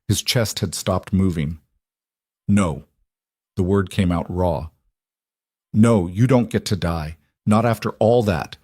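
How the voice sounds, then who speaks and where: A man narrating a scripted audiobook romance story in a measured, dramatic storytelling manner. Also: fairly low pitch, darkish tone, dry recording, clean studio sound.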